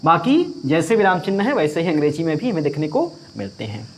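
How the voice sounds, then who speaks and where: A man's voice: fairly high pitch, huge pitch swings, a little fast, a little hiss or hum. A man giving an exam-prep grammar lecture, explaining step by step, repeating key points and addressing students informally. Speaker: Hindi grammar teacher.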